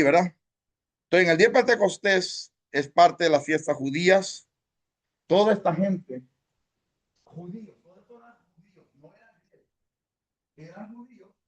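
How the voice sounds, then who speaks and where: A man from El Salvador teaching a Sunday school class at church, speaking conversationally and often checking in with his listeners. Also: on the high side. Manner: mixes in English words.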